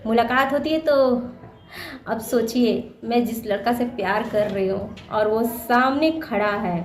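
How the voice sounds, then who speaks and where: A woman's voice: fairly high pitch, unhurried. Chatty young woman vlogger, echoey room. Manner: chatty, repeats phrases, acts out quoted lines. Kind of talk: casual storytelling to viewers. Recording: echoey room with faint ambient noise.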